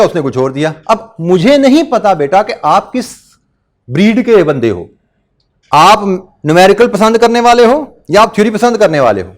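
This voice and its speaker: A middle-aged male teacher, giving earnest study advice to students in a lecture and repeating his points. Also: high voice.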